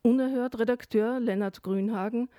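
A woman hosting a radio magazine, reading a scripted introduction in a smooth, measured way. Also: on the high side, steady tone, warm tone, dry recording, clean studio sound. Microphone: close studio microphone.

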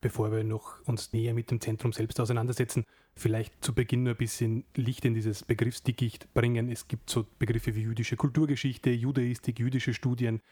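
A male interviewer puts his questions quickly in a flat, steady voice. His tone is dark and slightly husky. The sound is dry and close. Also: medium pitch, dry recording. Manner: brisk, even questioning. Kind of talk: radio-style interview questions.

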